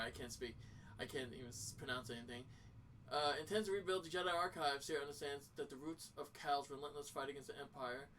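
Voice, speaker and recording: A man's voice: medium pitch, pushed and bright, recorded from a distance, slight background noise. A tired man in his thirties giving casual, rambling gaming commentary, stumbling and restarting often, with a dry throat. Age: 30s. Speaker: gaming let's-player.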